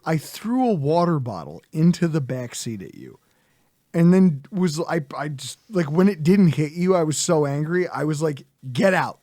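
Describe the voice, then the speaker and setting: A lively man tells stories in casual podcast chat, laughing as he goes. His voice is fairly high and swings widely in pitch. The recording is close and dry. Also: moderate pace, dry recording. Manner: animated, laughing storyteller. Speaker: podcast co-host.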